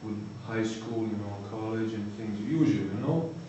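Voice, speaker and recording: Man, Croatian accent, thirties, halting and searching for words, mellow dark voice, distant mic in a very echoey hall. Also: fairly low pitch, lo-fi sound, slight background noise. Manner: halting, searching for words, frequent "you know". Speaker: recovering addict giving testimony. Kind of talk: personal testimony talk.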